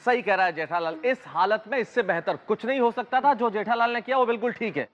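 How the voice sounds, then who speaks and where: An actor voicing a calm, sensible male neighbor in a cartoon who explains things patiently. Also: sits high, fast talker, dull audio, soft background music, natural voice. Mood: reasoning.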